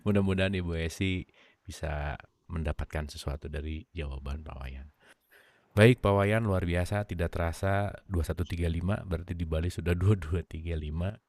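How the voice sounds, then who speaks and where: A man's voice: sits low, moderate pace, a little mellow, no room sound. A man hosting a talk show, politely thanking his guest and wrapping up the episode. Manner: polite, appreciative, closes the episode. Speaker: host.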